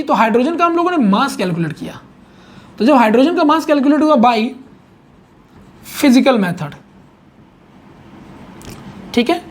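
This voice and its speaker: A man teaching a chemistry lesson in a conversational, repetitive way, often checking in with his students. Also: extremely high pitch. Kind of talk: explanatory online chemistry lesson.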